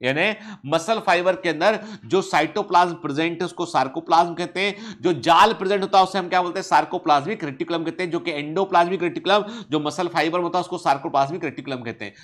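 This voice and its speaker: A man teaching a biology lesson. He reads English textbook lines slowly, explains them in quick Hindi, and keeps asking students check questions. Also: on the high side, fairly bright tone. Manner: calls students "beta" and checks with "theek hai".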